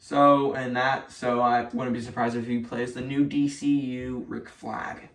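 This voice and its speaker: A man's voice: medium pitch, flat delivery, measured pace, recorded from a distance. A man chats his way through a weekly news roundup, reads articles aloud and keeps breaking off to restart his sentences. He sounds a bit off the mic in an echoey room. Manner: rambling with many fillers and restarts. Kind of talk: casual news chat, reading articles aloud.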